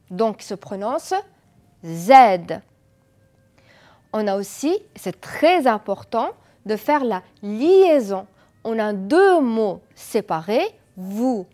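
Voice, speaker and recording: A woman teaching French pronunciation on an educational TV lesson, drilling words slowly and asking the class to repeat after her. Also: a little high, a little mellow. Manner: slow, deliberate drilling with repeated checks. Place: TV studio.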